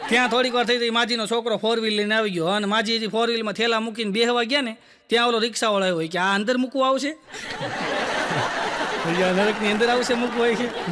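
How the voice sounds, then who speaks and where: A man telling stand-up jokes as a chatty storyteller, acting out quick bits of dialogue. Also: very high voice, steady tone, heavy background noise. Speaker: stand-up comedian. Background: audience laughter.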